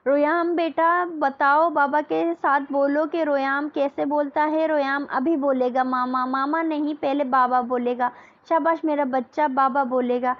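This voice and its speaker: A doting young husband and father who teases and coaxes his baby son, as a woman reader voices him. The voice sits high and the recording sounds dull and lo-fi. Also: fairly even intonation, no room sound, lightly acted. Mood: playful coaxing. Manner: playful, coaxing, then stern.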